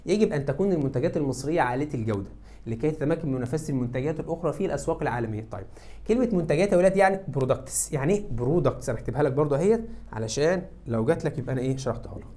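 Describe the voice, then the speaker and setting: A man with an Egyptian Arabic accent teaching English to high school students, who asks questions and answers them himself. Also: animated, very fast, dark tone. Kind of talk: classroom lesson explaining exam answers.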